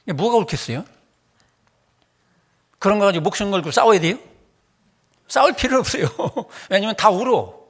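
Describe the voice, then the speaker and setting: A man's voice: high-pitched, normal speed, long pauses. A middle-aged male pastor delivering a sermon, telling humorous stories and acting out quoted dialogue. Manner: animated, humorous storytelling with acted dialect quotes.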